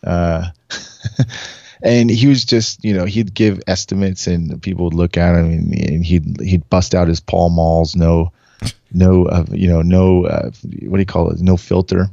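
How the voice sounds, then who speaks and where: Deep gravelly man, storytelling guest. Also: flat delivery, measured pace, warm tone, no echo, highs cut off. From Southern California. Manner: rambling, laughs often, acts out quotes. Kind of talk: casual storytelling.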